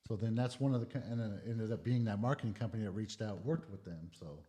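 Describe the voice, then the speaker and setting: A man's voice: fairly low pitch, fast talker, dark tone. A man, a guest content creator, telling laid-back stories with plenty of swearing in a casual podcast chat.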